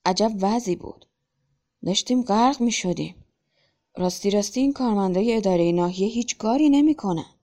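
A woman reading a story aloud, voicing a stubborn male peasant cart driver who grumbles and yells at his horse. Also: high-pitched, animated. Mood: muttering. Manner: blunt, grumbling, shouts at the horse.

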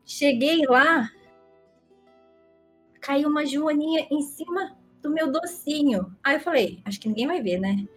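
High-pitched young Brazilian Portuguese woman, playful. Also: unhurried, faint music behind. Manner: rambling, playful, giggly. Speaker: livestream guest storyteller. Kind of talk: casual storytelling chat.

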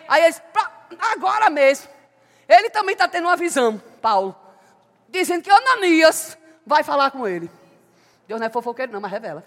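A woman preacher, giving a sermon full of personal testimony that swings between loud exclamations and hushed storytelling. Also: high-pitched, sing-song, a little fast. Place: church. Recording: church hall reverb.

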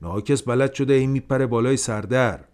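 A man voicing a gruff, irritable older householder who grumbles and shouts curses and orders. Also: mid-range voice, voice pushed up, close to an everyday voice. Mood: grumbling.

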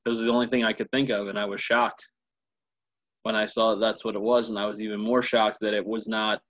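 A man's voice: fairly low pitch, little pitch movement, a little fast, fairly bright tone, no echo. A man co-hosting a movie podcast in casual chat, with a dry, wry humor. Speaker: podcast co-host. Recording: dull, dry lo-fi mic.

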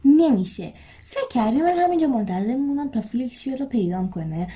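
A woman's voice: high voice, expressive, mellow. A woman voicing a bossy know-it-all schoolgirl who scolds the boys in a read-aloud story. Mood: anxious. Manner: preachy, scolding.

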